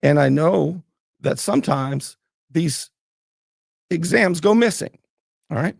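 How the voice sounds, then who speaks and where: Fired-up gravelly male talk host. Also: on the high side, expressive, slow pace, no echo, clean studio sound. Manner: fired up, blunt, swears. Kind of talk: heated political interview.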